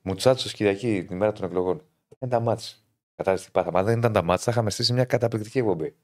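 A man co-hosting a casual sports betting chat, animated and teasing, often talking over the others. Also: on the low side. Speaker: podcast co-host.

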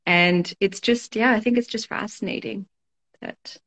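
A woman's voice: medium pitch, unhurried, fairly bright tone. A woman guest in a casual conversation, thinking aloud in a reflective way, with frequent fillers and restarts. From Toronto, Canada.

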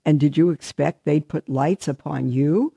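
Storybook figure: woman doing a vain, sneering fir tree, high and smug, gravelly edge. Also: unhurried, dark tone, no echo, full character voice. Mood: smug mocking. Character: haughty smug fir tree, female-sounding, sharp-tongued.

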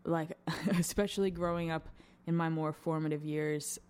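A woman's voice: low voice, fairly even intonation, moderate pace, a little mellow, clean tone. A young woman from Wisconsin talking casually and candidly, with lots of fillers and the odd swear word. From Madison, Wisconsin. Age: young adult. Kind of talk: casual chat.

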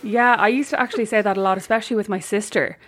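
A woman hosting a casual podcast interview, chatty and quick to laugh. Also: mid-range voice, a bit bright. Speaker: podcast host. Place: remote call, lives in the States.

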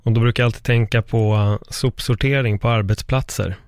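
A man hosting a podcast, talking in a relaxed, reflective way. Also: medium pitch, smooth, no room sound, clean studio sound. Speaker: podcast host. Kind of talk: casual podcast conversation.

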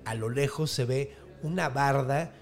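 A man with a Mexican Spanish accent, casually retelling a folk tale as podcast host, slangy and animated. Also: medium pitch, faint music behind. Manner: slangy, animated, quick asides.

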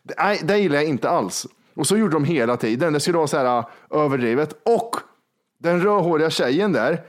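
A man's voice: on the high side, expressive. A man in casual chat, blunt and sarcastic, swearing freely.

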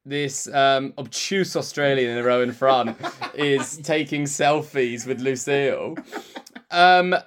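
A man's voice: medium pitch, slow pace, fairly bright tone. A man, co-hosting a podcast in casual chat, telling stories and laughing often. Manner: laughs often, storytelling, playful. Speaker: podcast co-host.

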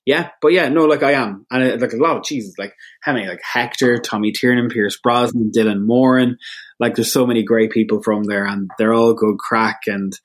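An Irish man in his thirties talks as an interview guest, rambling and self-deprecating. His voice sits at an ordinary, middle pitch for a man. It sounds like casual, unscripted chat. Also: steady tone, brisk. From Ireland. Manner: chatty, rambling, self-deprecating with frequent laughs. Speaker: radio presenter, guest.

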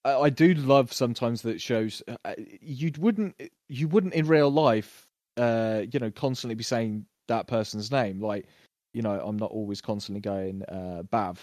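A man in casual conversation on a podcast, talking through a TV series with lots of fillers and quick bursts of acted-out lines. His voice sits in a middle register and sounds dry and close, with no room around it. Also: medium pitch, no echo. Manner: animated, puts on quick voices when retelling scenes. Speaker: podcast co-host. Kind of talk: casual TV review chat.

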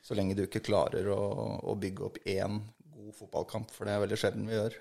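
A man's voice: on the low side, flat delivery, gravelly, warm tone. A man co-hosting a podcast, giving blunt, earthy opinions in casual chat with plenty of fillers. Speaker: podcast co-host, football fan.

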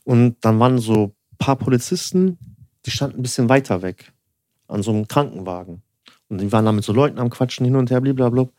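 A man's voice: medium pitch, animated, fast, dark tone, no echo, clean studio sound. Rambling young man telling a story. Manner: rambling, lots of filler tags like "so" and "ne"; acts out dialogue in quotes. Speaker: podcast co-host. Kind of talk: casual storytelling chat.

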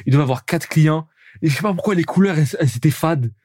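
A young man in his twenties with a slightly high voice banters and teases, moving between grumbling complaints and amused jabs. The sound is close and dry. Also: fast, darkish tone, no room sound. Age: 20s. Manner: teasing, mock-grumpy banter. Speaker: podcast co-host. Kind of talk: casual chat.

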